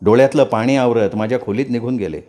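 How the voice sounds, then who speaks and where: A man reading a story aloud in an expressive first-person narration. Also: medium pitch, fast talker.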